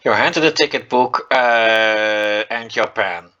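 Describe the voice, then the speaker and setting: Bright-voiced man commenting on a game. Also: lowish voice, slow, dull audio. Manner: reads game text aloud, chatty asides with fillers. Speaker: gameplay commentator. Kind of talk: let's play commentary.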